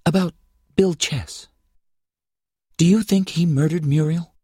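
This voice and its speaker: A man reading an audiobook, voicing a friendly, persuasive young woman from a small town in a high, breathy voice. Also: slow, warm tone, no echo, clean studio sound.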